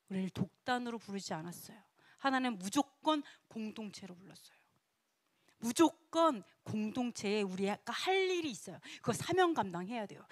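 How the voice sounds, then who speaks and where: A woman teaching a casual sermon in a lively way. She laughs often and acts out quoted speech. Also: fairly high pitch, no room sound, clean studio sound. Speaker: Bible teacher.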